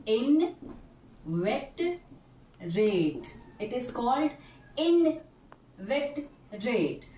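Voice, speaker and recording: A woman teaching English vocabulary, mixing languages and stretching out each word slowly to drill its pronunciation. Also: high voice, a little mellow, slight background noise. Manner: slow, drawn-out pronunciation drills. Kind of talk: bilingual vocabulary lesson. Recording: echoey room, mic at a distance.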